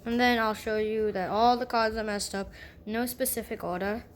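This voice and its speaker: A female-sounding voice at a middle pitch delivers card magician patter in a casual, tutorial way. The host explains step by step and often rephrases each instruction. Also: steady tone, normal speed, slight background noise.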